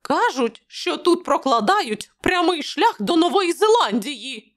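A woman voicing a plump little male reporter in an audiobook, squealing, whining, very high-pitched. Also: very animated, unhurried, heavily acted. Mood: wheedling. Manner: shrill, squealing.

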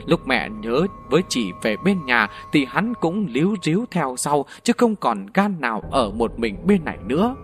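Animated male ghost-story narrator. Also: fairly high pitch, moderate pace, few pauses, faint music behind. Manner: animated, vivid.

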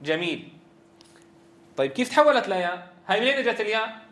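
Bright-voiced man teaching Quran recitation. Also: sits high, big pitch swings, quick pace, echoey room. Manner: demonstrates sounds, drills students with repeated questions. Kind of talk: tajweed lesson.

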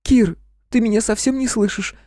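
A woman's voice: on the high side, normal speed, mellow, dry recording, clean studio sound, lightly acted. A woman voicing a chirpy, capricious young sister and her girlfriends in an audiobook. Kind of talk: audiobook dialogue acting.

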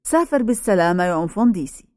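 A woman voicing a frightened teenage girl who speaks in a higher, nervous, hesitant way. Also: expressive, rapid-fire, a little mellow, no room sound, studio quality, natural voice. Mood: earnest.

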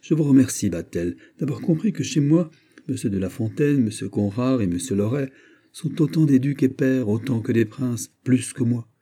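A man's voice: mid-range voice, expressive, moderate pace, mellow, breathy edge, voice pushed up. A man reading aloud, voicing a proud, impassioned nobleman who speaks with a commanding, indignant tone. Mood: grateful. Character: proud, impassioned male nobleman, a finance minister.

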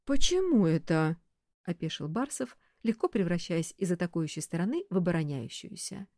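A woman narrating an audiobook with expressive storytelling. Her pitch moves in wide, lively arcs, and the sound is dry and close with no room around it. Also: fairly quick, gravelly, dry recording.

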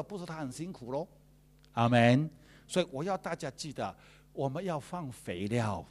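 A man, a pastor preaching a sermon in a lively, joking way. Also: a little high.

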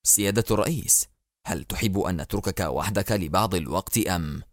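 A man voicing a deferential male war minister, speaking low, hushed and respectful. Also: quick pace, no echo, clean studio sound, natural voice.

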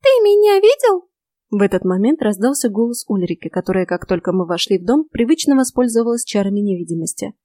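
A woman narrating an audiobook in the first person, in an even storytelling manner, recorded close to a studio mic. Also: mid-range voice, fast talker, few pauses, no room sound.

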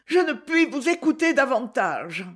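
A man with a husky voice voicing a pious young woman who speaks softly and low. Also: very animated, a little slow, full character voice. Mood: resolute. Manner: soft, hushed.

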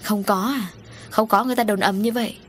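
A woman's voice: medium pitch, moderate pace, slight background noise, close to an everyday voice. A woman voicing a jealous, vicious middle-aged wife who accuses and sneers. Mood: jealous accusing.

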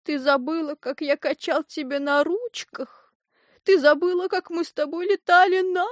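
A woman reading an audiobook plays a fat, disguised impostor father whose voice comes out thin and tearful. He drags each word out slowly and sugary, and the recording is close and dry with no room sound. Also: medium pitch, sing-song, no room sound. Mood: whining. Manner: slow and drawn-out. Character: plump disguised fake father, whiny and sugary.

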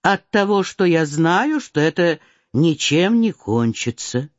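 A woman reading a storybook voices a gentle, amused older countess mother, speaking low and calm. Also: slow, dry recording. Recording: slightly dull dry recording.

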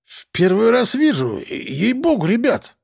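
A man doing a raspy whining drunk. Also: high voice, very animated, measured pace, pitched above the performer's own voice, full character voice. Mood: whiny. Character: hungover drunk man, whiny, confused suspect.

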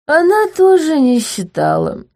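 A woman's voice: high voice, wildly swooping pitch, a little slow, dark tone, pitched above the performer's own voice, exaggerated voice. A woman voicing a drunk, arrogant young crown prince with a mocking, slurred drawl.

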